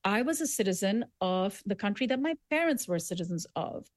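A woman's voice: medium pitch, animated, fairly quick, no echo. A woman born in Dubai, speaking as a guest author in an interview, making emphatic arguments with frequent restarts. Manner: earnest, emphatic, building arguments with repetitions. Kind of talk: conversational interview.

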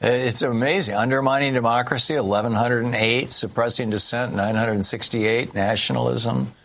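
A man's voice: medium pitch, steady tone, normal speed, a bit bright. A man hosting a radio call-in show, chatting casually and answering callers with short remarks. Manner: brief, affirming interjections.

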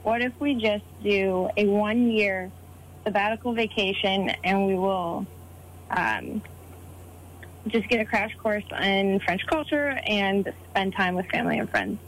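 A woman in her thirties answering interview questions, telling her story in a measured way. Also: mid-range voice, slight background noise, poor audio. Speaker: guest.

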